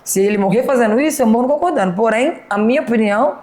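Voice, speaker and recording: An outspoken woman talks bluntly as a podcast guest, keeps checking that she's understood. Her voice sits a touch high, and the room around her rings with noticeable echo. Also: lively intonation, very fast, a little mellow. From Belo Horizonte, Brazil. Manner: outspoken, emphatic, keeps asking 'entendeu?'. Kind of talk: casual podcast chat.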